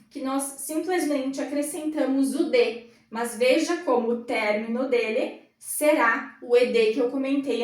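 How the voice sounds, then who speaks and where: A woman teaching English grammar in a classroom, explaining patiently at a whiteboard. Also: fairly high pitch. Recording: roomy echo, mic far off.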